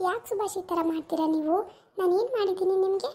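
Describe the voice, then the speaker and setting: A woman's voice: very high voice, quick pace. A woman playing a jealous, hot-tempered young wife in an amateur village drama, who hurls scornful insults. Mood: accusing. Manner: scornful, accusing, shouting insults.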